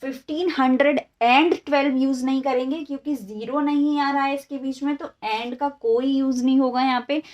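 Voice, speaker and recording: A woman with a fairly high voice teaches an online lesson, mixing Hindi with English terms. She repeats each example patiently and asks the class rhetorical questions. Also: a little mellow, highs cut off. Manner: mixes Hindi and English words. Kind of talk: online lesson explaining year reading.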